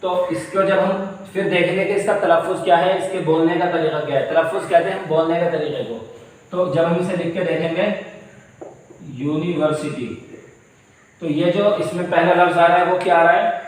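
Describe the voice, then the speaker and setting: A man's voice: high voice, steady tone, fairly quick, slight background noise. Echoey, distant man teaching a lesson. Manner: patient, repetitive explaining with rhetorical questions. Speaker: English teacher. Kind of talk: classroom lesson explaining grammar. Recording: echoey room from far off.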